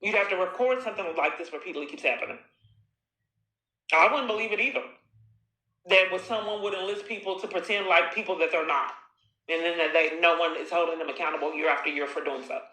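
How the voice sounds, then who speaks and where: Fast and sharp in a fairly low voice, a woman confronts the person on her phone call, which she's recording herself. She's insistent and accusatory, launching into long, repetitive monologues, and the room sounds echoey.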